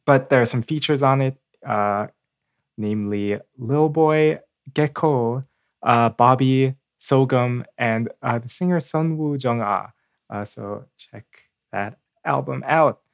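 A man co-hosting a podcast in casual chat, talking haltingly with many fillers and restarts. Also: medium pitch, vocal fry, no room sound, clean studio sound. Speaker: podcast co-host.

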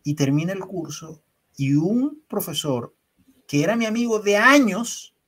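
A Venezuelan man, the interview guest, answering in a measured, reflective way with pauses and fillers. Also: sits high, lively intonation, a bit bright.

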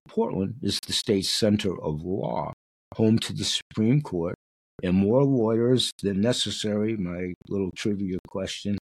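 A man's voice: low voice, breathy edge, dry recording, low-quality recording. A middle-aged man, hosting and reading aloud from a book, with rambling, repetitive asides of his own. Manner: digressive, repeats himself. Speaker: show host reading from a book.

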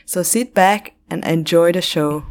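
A woman's voice: on the low side, measured pace, darkish tone, no echo. A woman hosting a podcast interview, introducing her guest with enthusiasm. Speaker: podcast host.

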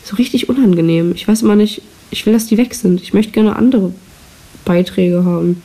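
This is a solo casual chat from a teenage podcast host who rambles and runs herself down, recorded on a cheap microphone with audible hiss that gives it a rough sound. Her voice is medium in pitch and warm, and she talks a little fast.

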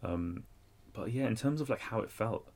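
This guest author, a man in his thirties originally from Iraq, speaks at a normal pace in a voice on the low side with a London accent. Casual and energetic, he laughs readily and leans on plenty of fillers.

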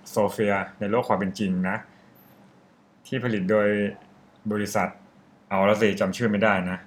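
A man's voice: on the low side, fairly even intonation, normal speed. A young man chatting on a podcast, talking through a topic in a loose, rambling way. He often admits he is guessing and carries on explaining in an easygoing, conversational voice. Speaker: podcast co-host. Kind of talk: casual podcast chat.

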